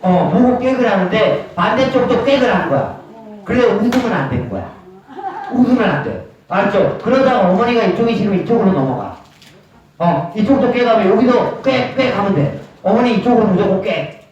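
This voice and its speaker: A high-pitched man runs a recreation game for seniors, snapping out brisk, repeated cues. He is picked up from far across the room, so his voice rings through heavy echo and sounds dull and muffled. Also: lively intonation, a little mellow. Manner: brisk, repetitive coaching, calling out cues. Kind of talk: leading a group game for seniors.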